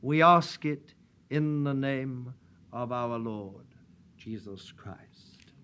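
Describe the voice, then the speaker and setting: A man preaching in a church, praying and reading scripture in a solemn, measured way at a pulpit microphone. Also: mid-range voice, background noise. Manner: solemn and measured, old-fashioned prayer wording. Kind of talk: sermon with prayer and scripture reading.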